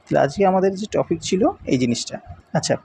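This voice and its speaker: A man's voice: on the high side, fast talker, gravelly, a little mellow, slight background noise. A man explaining a science lesson, patient and repetitive, checking in often with his listeners. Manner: patient, repeats points with frequent check-ins. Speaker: teacher. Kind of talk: classroom explanation.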